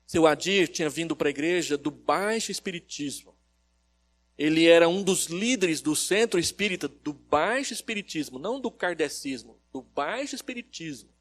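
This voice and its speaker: A man with a Brazilian Portuguese accent, a pastor giving an expository sermon at a church service, telling stories and questioning the congregation, moving between loud emphasis and soft phrases. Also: a little high, animated, normal speed. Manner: storytelling preacher who quizzes the congregation.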